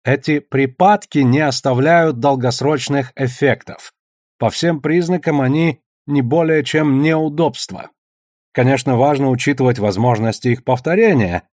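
A man doing an old official, kindly uncle type, slow drawl, raised tone, a bit loud, husky. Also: medium pitch, dry recording, clean studio sound, pitched above the performer's own voice, close to an everyday voice. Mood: reassuring. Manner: slow, soothing, reassuring. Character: grandfatherly old male official on camera.

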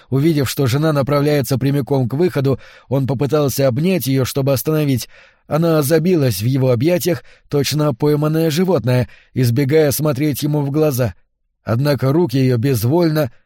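A male audiobook narrator reading literary prose in a measured, even manner. His voice sits in an ordinary middle range. The recording is close and dry, with no room sound. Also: medium pitch, no room sound.

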